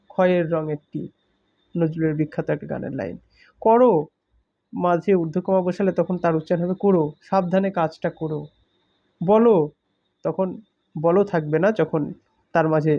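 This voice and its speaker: A man teaching a grammar lesson, explaining slowly with examples and stressing key words. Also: high-pitched. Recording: muffled lo-fi recording.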